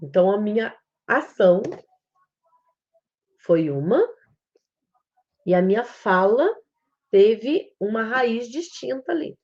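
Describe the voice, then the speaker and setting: A woman's voice: a little high, expressive, a little mellow, muffled recording. A woman with a Brazilian Portuguese accent giving a live-streamed talk as an educator, explaining things step by step and acting out how a child talks. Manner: explains slowly, acts out a child's speech. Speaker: psychomotricity educator.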